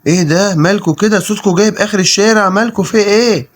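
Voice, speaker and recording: A woman voicing a grown father figure in a toy role-play, in a lowered gruff scolding tone with an Egyptian Arabic accent. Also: racing, lightly acted. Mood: stern. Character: grown man, the father, stern but calm.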